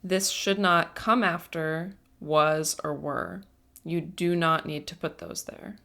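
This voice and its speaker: A woman teaching an English grammar lesson, speaking patiently and deliberately and stressing each word. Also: sits low, steady tone, gravelly, fairly bright tone. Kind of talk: slow, careful grammar lesson.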